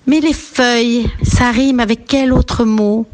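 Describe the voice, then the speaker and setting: A woman teaching a radio lesson for young children, speaking gently with encouraging leaps in her voice. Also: steady tone. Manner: slow, gentle, lilting teacher voice with big pitch leaps to encourage. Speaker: preschool teacher.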